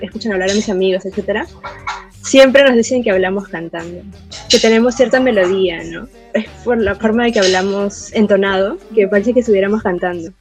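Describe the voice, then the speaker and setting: A woman's voice: medium pitch, breathy edge. A young woman from Peru with a Lima Spanish accent, speaking thoughtfully in a casual podcast chat. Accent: Peruvian Spanish, Lima. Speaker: podcast co-host.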